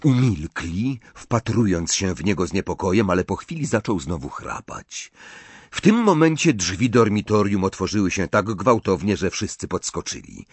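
A man reading a story aloud as narrator, in a measured, expressive way. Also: deep voice, breathy edge, no room sound. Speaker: audiobook narrator.

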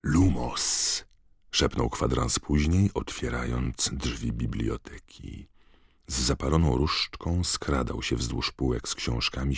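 A man reading a storybook aloud with an expressive, dramatic delivery. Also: very deep voice, creaky, slightly rough, dry recording, clean studio sound. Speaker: audiobook reader. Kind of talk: storybook narration.

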